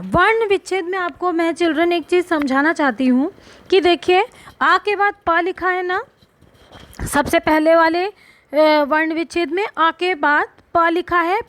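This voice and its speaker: A woman's voice: very high-pitched, a little slow, a bit bright. A woman teacher explaining a grammar lesson to young schoolchildren, asking questions and answering them herself, and drawing out single letters and words. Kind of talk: Hindi grammar lesson for children.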